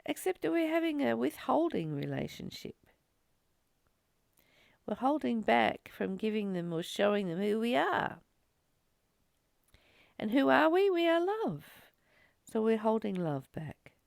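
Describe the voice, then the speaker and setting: Pausing often, this woman speaks a little slowly in a slightly high voice with vocal fry, hosting a conversational, reflective spiritual talk. She is expressive and repeats points for emphasis. The recording is dry and studio-clean.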